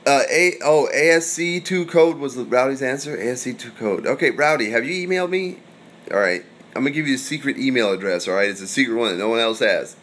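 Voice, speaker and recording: A young man hosting a casual livestream, reading viewer comments aloud and answering in a profane, rambling way, swinging between loud and mumbled. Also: mid-range voice, expressive, fairly quick, slight background noise. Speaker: livestream host.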